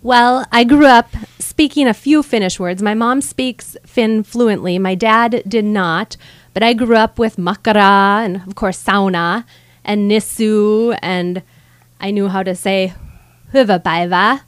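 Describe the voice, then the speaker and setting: Speaking at a measured pace in a mid-range voice, a thirtysomething woman from Michigan's Upper Peninsula is interviewed on the radio as a guest author. The studio recording is dry, and she comes across as sincere, with gentle humor, on a studio microphone.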